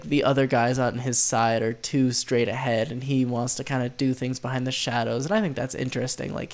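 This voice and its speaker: A man with a nasal, stuffed-up voice from being sick, chatting casually through a tier list in a rambling, excitable way. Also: mid-range voice, gravelly. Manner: rambling, filler-heavy, easily excited. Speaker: video host.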